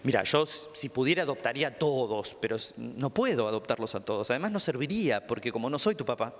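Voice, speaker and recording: A man's voice: mid-range voice, fast talker, long reverb tail, a little hiss or hum. A man with a Rioplatense Spanish accent, a psychologist giving a training talk and acting out anecdotes as he tells them. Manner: animated storyteller acting out dialogue. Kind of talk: lecture with anecdotes. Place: lecture hall.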